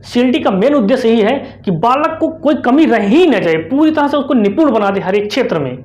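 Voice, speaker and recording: Leading an explanatory online exam-prep class, a young Indian-accented woman speaks in a fairly high, animated, slightly dark voice. She poses quick questions, supplies the answers herself, and keeps repeating the key terms, while the recording's treble is clipped.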